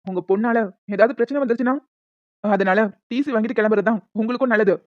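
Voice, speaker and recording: A man's voice: sits high, fast, no room sound, close to an everyday voice. A man voicing a strict, dismissive school principal in a cartoon. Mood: stern. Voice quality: stern, dismissive. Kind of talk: cartoon voice acting. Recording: dull lo-fi dry recording.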